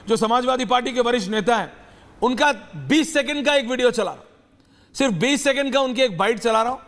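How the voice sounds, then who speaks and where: A male news debate anchor with a fairly high voice, slipping English phrases into Hindi as he cues guests. The sound carries a long reverb tail. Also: a bit bright. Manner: mixes English phrases into Hindi, brisk cueing. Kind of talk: live TV debate hosting.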